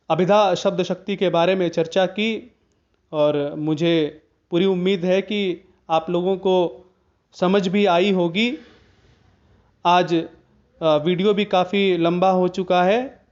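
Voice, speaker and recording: A man teaching Hindi grammar to students in a video lesson, explaining slowly and chanting Sanskrit examples. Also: high-pitched, a little mellow, dull audio. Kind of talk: online Hindi grammar lecture.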